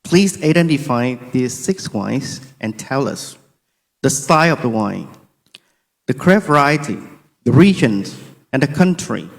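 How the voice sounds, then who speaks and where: A man acts as examiner, announcing formal task instructions in clipped, measured phrases. His pace is slow and his pitch is average for a man. The hall gives his voice a long reverb. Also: animated, gravelly. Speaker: competition examiner.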